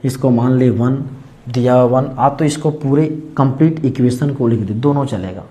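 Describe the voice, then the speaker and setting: A man's voice: medium pitch, normal speed, dark tone. A man teaching a maths class, explaining each step and asking and answering his own questions as he draws on the board. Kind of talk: classroom lecture.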